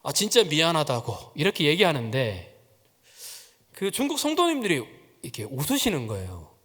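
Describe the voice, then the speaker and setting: A man's voice: a little high, wildly swooping pitch, moderate pace, fairly bright tone, husky. A man preaching a sermon, telling a personal story and acting out the quoted voices. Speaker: pastor. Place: church sanctuary. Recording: long church-hall reverb.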